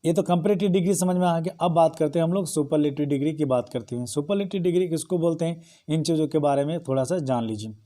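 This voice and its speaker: Dark-voiced man teaching grammar. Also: on the high side, quick pace. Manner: explains in Hindi, repeats rhetorical questions. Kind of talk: classroom grammar lesson.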